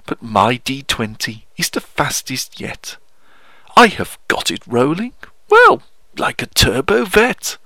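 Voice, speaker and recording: A man's voice: big pitch swings, slow pace, bright, forceful tone, no room sound, full character voice. A man putting on a posh, theatrical voice to recite comic verse as a pompous male poet. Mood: grandiose. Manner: plummy, sing-song, exaggerated swoops in pitch.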